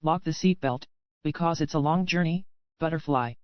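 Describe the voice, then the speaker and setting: A possessive, menacing young man with a deep voice speaks in a calm, controlled, quietly commanding way, as a woman narrator puts him on. The voice is smooth and clear. The recording is dry and slightly dull. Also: moderate pace, no room sound, natural voice. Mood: cold, controlling.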